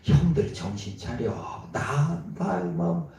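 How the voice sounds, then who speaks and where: A man's voice: a little high, animated, drawn-out words, vocal fry, warm tone, full character voice. A male pastor voicing a boastful, spoiled teenage boy who brags and tattles on his brothers, heard in an echoey church hall from a distance.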